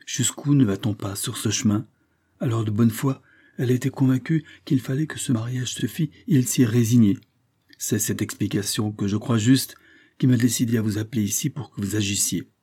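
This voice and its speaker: A man reading an audiobook, voicing a resolute old grandfather who reasons in a measured, firm way. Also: medium pitch, dark tone, breathy edge, natural voice. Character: grave, resolute grandfather, protective and calm.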